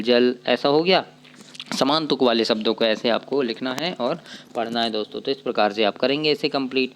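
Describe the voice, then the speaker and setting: A man's voice: medium pitch, clean tone. A male teacher going through a children's workbook, asking questions and answering them himself. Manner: explains step by step, asks and answers his own questions; reads poem lines slowly. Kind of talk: workbook lesson walkthrough.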